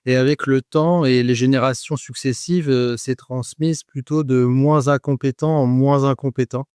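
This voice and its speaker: A man's voice: mid-range voice, fairly even intonation, moderate pace, a little mellow, clear, resonant tone, dry recording, studio quality. A man in his forties, a guest on a podcast interview, speaking with frequent hesitations, fillers and restarts. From France. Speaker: guest, rum producer.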